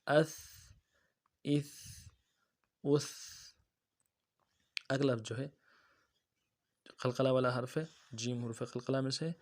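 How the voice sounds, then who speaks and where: Man, Quran reading teacher, Pakistani Urdu accent, slow drawn-out syllable drills, recorded online lesson. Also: mid-range voice, level tone.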